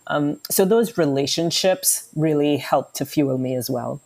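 A woman's voice: low-pitched, unhurried, creaky, a little mellow. A woman from Trinidad and Tobago, a podcast guest talking earnestly with frequent fillers. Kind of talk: podcast interview answer.

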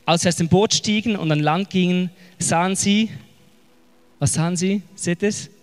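A man with a Swiss German accent preaching a sermon, often searching for words and retelling scripture in a casual, lively way. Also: high voice, moderate pace, clean tone, big-room sound, soft background music. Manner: searching for words, frequent fillers and restarts.

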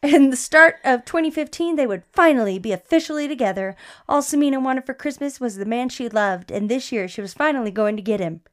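Brief: young woman, podcast co-host, reads aloud with a slightly high voice, stumbles, swears. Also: brisk. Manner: laughs often, swears, stumbles while reading. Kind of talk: casual podcast chat, reading an article aloud.

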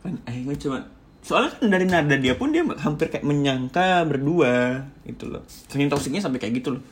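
A young man, telling a personal story in a casual, animated way, full of swearing and mouth sound effects. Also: a little high, moderate pace. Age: young adult. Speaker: vlogger.

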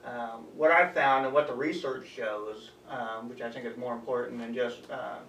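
A young adult man, a running coach and guest, answering interview questions in an earnest, halting way, speaking in short stretches. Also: mid-range voice, fairly even intonation, fairly bright tone, recorded from a distance. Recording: echoey room, voice a bit off-mic, faint background hum.

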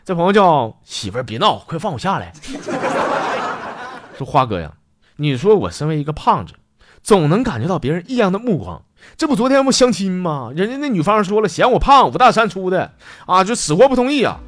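A man's voice: high voice, quick pace. A man with a Northeastern Chinese accent hosting a comedy show, telling jokes and reading out listener messages, often slipping into character voices. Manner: lively, jokey, switches into character voices.

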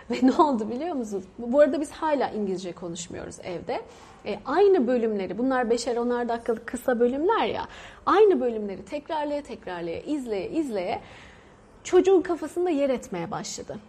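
Woman from Turkey, thirties, mellow husky voice, casual monologue, chatty with many hesitations. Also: on the high side. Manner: chatty, with many hesitation sounds and doubled verbs. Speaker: mother sharing her experience.

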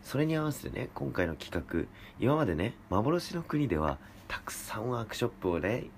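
A man's voice: mid-range voice, very animated, a little hiss or hum. A young man co-hosting a casual late-night podcast chat, polite and easygoing. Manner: easygoing, polite, fast talker. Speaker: radio show co-host, theater actor. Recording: music playing behind the talk.

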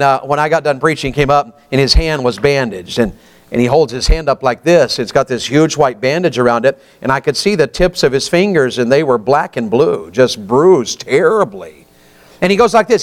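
Preacher guy in his 50s, folksy sermon, smooth clear voice a bit on the high side. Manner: folksy, asks the congregation questions often.

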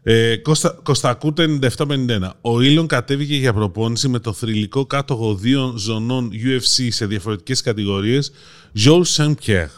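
A man's voice: mid-range voice, few pauses. A man from Greece hosting a casual podcast, reading listener comments aloud with wry asides. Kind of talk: casual chat.

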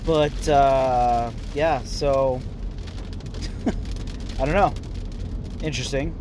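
A man's voice: mid-range voice, fairly even intonation, drawn-out words, a little mellow. A man talking casually and thinking aloud as he records a solo driving vlog inside a vehicle. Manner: rambling, thinking aloud, mild swearing. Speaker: road-trip vlogger. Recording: noisy vehicle interior. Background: road and vehicle noise.

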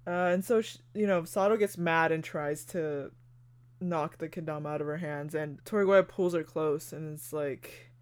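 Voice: medium pitch, moderate pace, clean tone. A podcast co-host in casual chat, retelling an anime episode step by step with lots of fillers like "like" and "you know". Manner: narrates plot steadily with fillers like "like" and "you know".

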